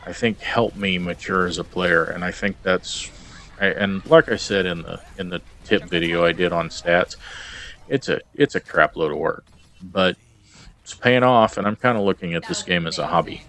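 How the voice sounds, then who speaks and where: A man's voice: low-pitched, moderate pace, a bit bright. A man recording a casual video log about his game stats, rambling and hesitant with plenty of ums and uhs. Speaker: gamer vlogger.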